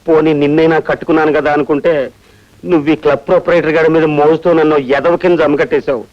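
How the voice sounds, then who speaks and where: A man's voice: a little high, flat delivery, fast, natural voice. An actor playing a henpecked young man who whines in comic self-pity. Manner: whining, self-pitying comic pleading. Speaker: film actor. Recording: dull film soundtrack with music.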